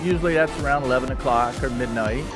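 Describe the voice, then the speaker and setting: A man who runs a food stand, speaking in a relaxed, matter-of-fact way. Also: medium pitch, fast talker, music in the background. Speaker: food vendor.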